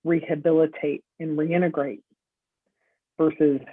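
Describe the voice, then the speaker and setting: A woman's voice: low-pitched, flat delivery, measured pace, no room sound. A middle-aged woman, a podcast guest, telling her story and acting out the dialogue as she goes. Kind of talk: storytelling interview. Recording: tinny dry phone-line audio.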